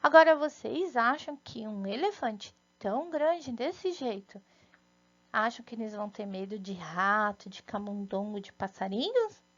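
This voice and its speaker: Brazilian woman, first-grade teacher, slow and patient, sing-song delivery, slightly high, dull lo-fi sound. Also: sing-song. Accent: Brazilian Portuguese. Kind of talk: recorded remote lesson for young children.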